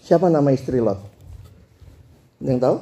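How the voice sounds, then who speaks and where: A man's voice: mid-range voice, lively intonation, brisk, mellow. A man preaching a humorous youth sermon, chatty, joking and acting out quoted voices. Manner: jokey, acts out quoted voices, chatty asides. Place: church hall with audience.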